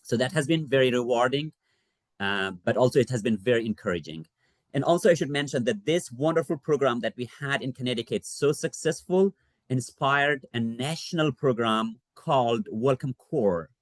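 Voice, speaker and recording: A man's voice: mid-range voice, no echo. Earnest man from Afghanistan presenting. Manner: earnest, measured, with frequent fillers. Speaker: refugee services associate director. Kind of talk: library presentation.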